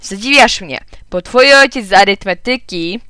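A boisterous middle-aged joker of a man, voiced by a woman reading a storybook aloud, hearty and booming as he ribs an old friend. The voice is smooth and clean, set in a dry, close studio sound. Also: animated, normal speed, pushed and bright, no echo. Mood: jovial teasing.

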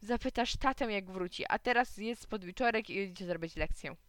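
A woman reading a busy, affectionate mother who gently chides her son. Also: mid-range voice, a little fast, no echo, lightly acted. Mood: chiding. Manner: chiding, affectionate.

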